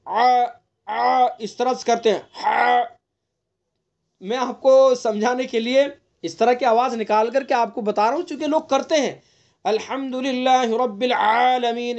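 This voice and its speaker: High-voiced man teaching Quran recitation. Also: a little mellow. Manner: explains patiently, repeats key points and demonstrates sounds. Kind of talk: online tajweed lesson. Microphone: online class recording.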